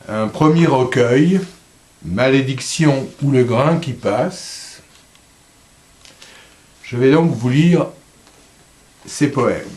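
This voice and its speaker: Slow, solemn man reading poetry. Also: medium pitch, roomy sound. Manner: slow, solemn reading with soft dropping line endings. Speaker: poetry reader. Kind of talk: poetry recitation.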